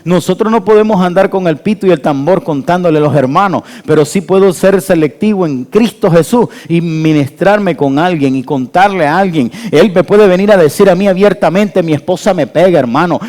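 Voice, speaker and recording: A male pastor, preaching an animated sermon with call-and-response to his congregation. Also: sits high. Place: church hall. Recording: church hall with long reverb.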